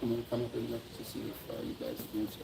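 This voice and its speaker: A man speaks into his phone on a livestream outdoors at a memorial, earnest and rambling as he talks to his viewers. His voice has a gravelly, creaky edge at a middle pitch. Faint noise sits in the background. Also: monotone, very fast, warm tone, low-quality recording. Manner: earnest, rambling, often apologizing and addressing viewers. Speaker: livestream host at a memorial event. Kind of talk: emotional livestream talk.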